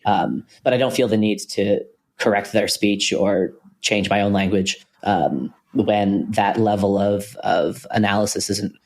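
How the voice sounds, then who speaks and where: A man co-hosting a podcast, talking through ideas in a thoughtful, hesitant way with many pauses and restarts. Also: fairly low pitch, darkish tone. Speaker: podcast co-host. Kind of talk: casual philosophical conversation.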